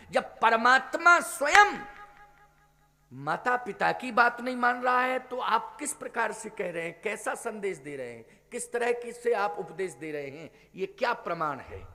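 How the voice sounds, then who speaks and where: High-voiced preaching man in a hall. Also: sharp tone. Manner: preaching with rhetorical questions to the audience. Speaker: spiritual teacher giving a Ramkatha discourse.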